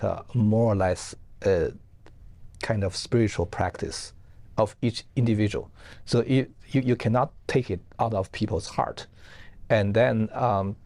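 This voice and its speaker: Male professor, low voice, dry close sound, earnest and halting as an interview guest. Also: darkish tone, dry recording. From northeast China. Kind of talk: explanatory interview answers.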